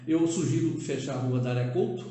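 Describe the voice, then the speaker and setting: An older Brazilian man chats straight to the camera in a loose, conversational way, dropping "né?" tags and restarting his phrases. His voice is dark and mellow. It rings around a very reverberant room. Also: medium pitch, fairly quick. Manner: conversational, with frequent "né?" tags and hesitations. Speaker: vlogger proposing a civic project. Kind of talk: casual direct-to-camera talk. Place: indoor room, seated at a table. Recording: echoey room.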